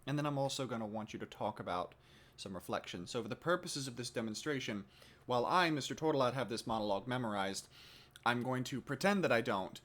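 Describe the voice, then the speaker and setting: A man's voice: medium pitch, fast. A man who teaches theatre, speaking casually to the camera as he explains a rehearsal assignment and reflects on his own progress. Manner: casual, relaxed, many fillers and restarts. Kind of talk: instructional demo and self-reflection.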